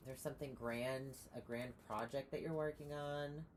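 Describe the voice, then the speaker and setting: A woman giving a casual tarot reading, rambling with many pauses and restarts. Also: a bass voice, steady tone, slight background noise. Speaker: tarot reader.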